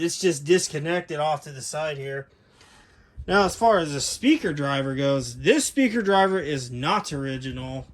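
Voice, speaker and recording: A hobbyist vlogger, an American man with a voice a little higher than most men's, gives an unscripted, casual walkthrough of vintage audio gear. His folksy, conversational delivery wanders from one point to the next.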